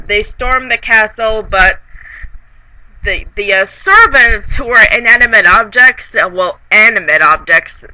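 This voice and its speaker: A comedic reviewer of ambiguous sex sounds tipsy while recapping a film casually. The voice is very bright and sharp, at a middling pitch. Delivery is slow and halting, rambling along and trailing off between thoughts. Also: dry recording, rough recording.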